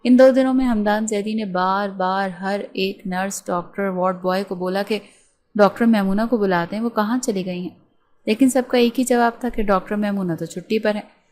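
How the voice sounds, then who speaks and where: A woman storyteller reading a romance novel aloud in a steady, expressive way. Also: medium pitch.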